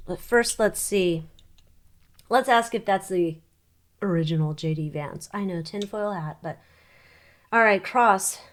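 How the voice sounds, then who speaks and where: Slow-paced woman doing a psychic tarot reading. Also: lowish voice. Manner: halting, muttering questions and short verdicts to herself. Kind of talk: informal psychic tarot reading, thinking aloud.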